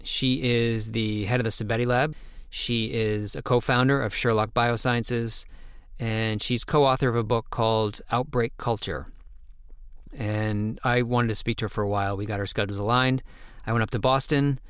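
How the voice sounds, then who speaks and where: A man's voice: medium pitch, steady tone, moderate pace, a bit bright, clear, resonant tone, dry recording, clean studio sound. A man hosting a science podcast interview, speaking in a conversational way with frequent restarts. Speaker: podcast host.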